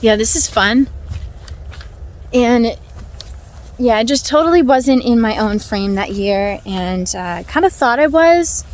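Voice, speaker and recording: This American vlog host talks to camera on a hiking trail in a fairly high, animated voice, slow-paced with long pauses. Chatting informally as she walks, she lets out little chuckles, and outdoor ambient noise can be heard.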